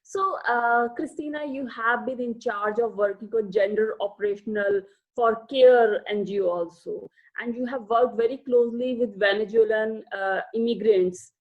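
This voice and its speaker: Host, woman, slightly high husky voice, formal questions over a video call. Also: moderate pace, narrow, tinny audio. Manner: reads a formal introduction, then asks long questions. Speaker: interview host.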